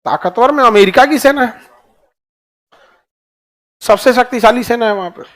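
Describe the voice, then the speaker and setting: Male teacher, Bihari accent, very high pitch, chatty rhetorical lecturing style. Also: normal speed, fairly bright tone. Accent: Bihari Hindi. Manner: rhetorical questions, colloquial. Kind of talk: classroom lecture.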